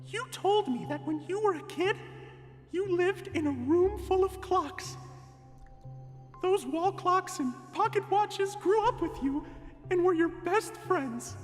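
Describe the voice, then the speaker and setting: Squeaky cartoon clock mascot. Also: female voice, lively intonation, slow pace, full character voice. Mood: cheerful. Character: excitable high-pitched cartoonish clock mascot. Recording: game audio with reverb and music.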